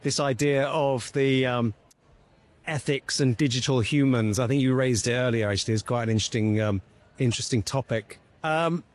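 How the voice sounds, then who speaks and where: A man's voice: medium pitch, normal speed. A man in his fifties, a lecturer, answering interview questions in a chatty, self-deprecating way.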